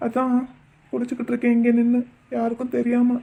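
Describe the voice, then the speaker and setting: A woman's voice: on the high side, completely flat delivery, quick pace, gravelly, phone-quality sound. A woman voicing a cheeky, bossy schoolboy in a cartoon. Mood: pleading. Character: mischievous schoolboy, nephew of the uncle. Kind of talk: Tamil cartoon dubbing.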